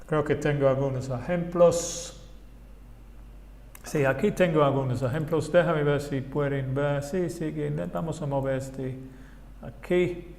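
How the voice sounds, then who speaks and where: Slow-speaking English teacher in echoey room. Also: male voice, fairly high pitch, steady tone, gravelly, a little mellow. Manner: slow, drawn-out model phrases for students to repeat. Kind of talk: online group English lesson. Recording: echoey room with long reverb.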